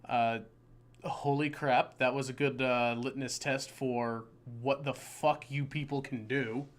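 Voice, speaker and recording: A man running a tabletop game as game master, excitable and prone to swearing and stumbling over his words. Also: medium pitch, takes it slowly.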